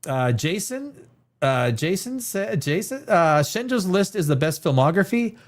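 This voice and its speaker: This Canadian livestreamer offers loose, rambling film chat, pressing his opinions emphatically through repeated phrases. His high-pitched voice is very animated but unhurried.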